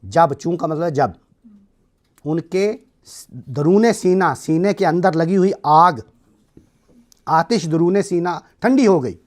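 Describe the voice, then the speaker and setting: A man's voice: fairly high pitch, darkish tone. Man lecturing a class step by step. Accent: Pakistani. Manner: explains step by step, asks students questions. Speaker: teacher.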